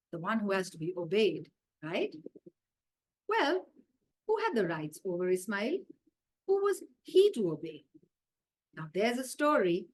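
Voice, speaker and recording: Reading a children's story in a measured, expressive manner, a woman with an Indian accent leans on dramatic emphasis and well-placed pauses. She speaks in a mid-range voice.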